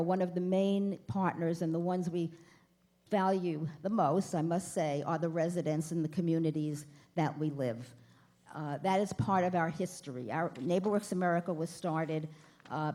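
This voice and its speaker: A woman's voice: low-pitched, dark tone. A woman in her fifties giving a chatty, self-deprecating speech at a gala, speaking to the crowd from a podium. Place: banquet hall.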